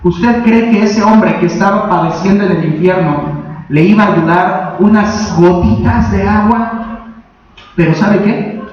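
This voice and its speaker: A man's voice: high voice, fairly bright tone, slight background noise. A man preaching a sermon as a pastor, emphatic and full of rhetorical questions to the congregation. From Mexico. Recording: echoey, distant, dull sound.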